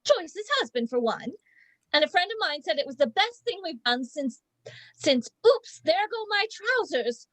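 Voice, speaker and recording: A woman's voice: sits high, very animated, a little slow, fairly bright tone, full character voice, poor audio. A woman reading the part of a prim, indignant member of a village drama group. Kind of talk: amateur play reading. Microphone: video call.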